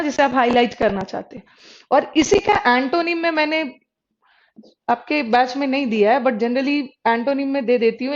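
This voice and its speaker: In a live online lesson captured with dull lo-fi audio, a high-pitched woman teaches English vocabulary. Mixing Hindi and English, she repeats words and checks that her students are following.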